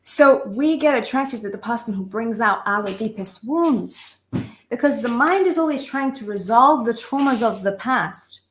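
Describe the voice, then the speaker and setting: Her voice is high-ish and animated but unhurried, captured on a low-quality recording with slight background noise. The young Lithuanian coach gives a live online masterclass on relationships, repeating phrases emphatically and passionately while warmly calling her audience sisters and loves.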